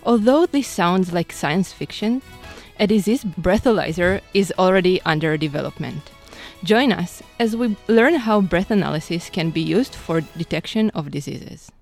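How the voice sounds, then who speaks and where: A woman hosting a science radio show, presenting and asking questions in a bright, curious way. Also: on the low side, expressive, moderate pace, few pauses, faint music behind. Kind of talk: scripted intro and interview questions.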